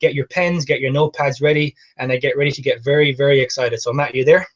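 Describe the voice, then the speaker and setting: A man's voice: medium pitch, steady tone, fast. A man in his twenties with a west of Ireland accent, hosting a call and introducing things eagerly, repeating words for emphasis. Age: 20s. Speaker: call host. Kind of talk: enthusiastic presenter introduction. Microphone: online or phone call. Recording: dull lo-fi call audio.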